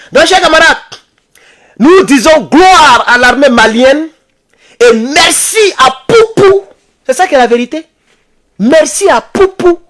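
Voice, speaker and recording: A man, talking casually to his viewers in a live political vlog, repeating himself and urging them on. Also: high-pitched. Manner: exhorting, repetitive, addresses viewers as comrades. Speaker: political video blogger.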